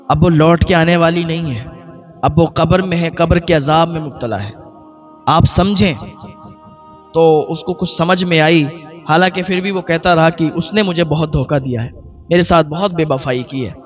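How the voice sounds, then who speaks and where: A man's voice: on the high side, dull audio. A man preaching a sermon in Urdu, telling a moral story and acting out the characters' dialogue.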